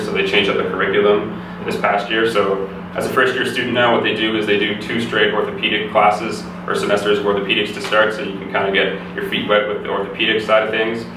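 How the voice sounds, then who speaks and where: This is a physiotherapy student guest, a young English-speaking man from Canada, giving casual answers in an interview. He talks at a quick, steady clip in a low, flat voice and comes across as laid-back. The audio is distant and heavily echoey, and background noise is clearly audible.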